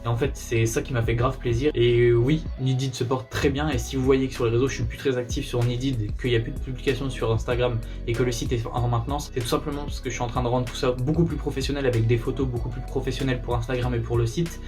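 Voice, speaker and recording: Young guy w a northern french accent, chatty slangy vlog answers, talks super fast. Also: medium pitch, steady tone, over music. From northern France. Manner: chatty, slangy, laid-back. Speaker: YouTuber. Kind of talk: casual Q&A vlog.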